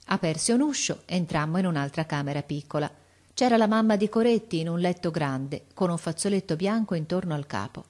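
A woman reading a story aloud in a calm, measured storytelling manner. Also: on the low side. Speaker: narrator. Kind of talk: scripted narration.

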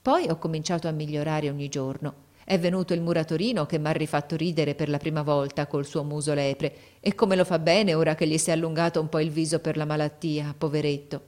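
A woman reading a classic novel aloud as audiobook narration, gently and in measured phrases. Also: low-pitched, steady tone.

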